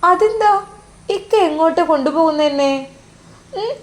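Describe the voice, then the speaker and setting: A woman voicing a tender, anxious young pregnant wife who asks high, pleading questions. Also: normal speed. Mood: worried.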